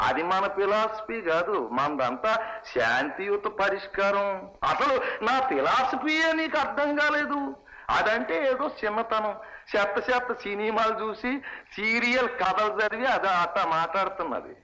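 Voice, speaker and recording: A man's voice: on the high side, normal speed, sharp tone, low-quality recording. An actor playing a glib, mocking middle-aged father who lectures his family in a film scene. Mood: lecturing. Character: sarcastic scheming middle-aged village father. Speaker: father of the bride. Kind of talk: 1980s film dialogue.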